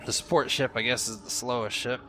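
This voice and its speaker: A man's voice: medium pitch, fairly even intonation, a little fast, pushed and bright, slight background noise. A man with a stuffed-up voice from a cold, casually thinking aloud as he comments on his gameplay. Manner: musing, thinking aloud while flying.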